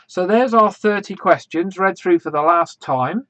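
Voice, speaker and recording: A man hosting a quiz on a church live stream, reading each question slowly and spelling out tricky names. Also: high-pitched, dull audio, background noise. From England. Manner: slow, measured, spells out names. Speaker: quiz host.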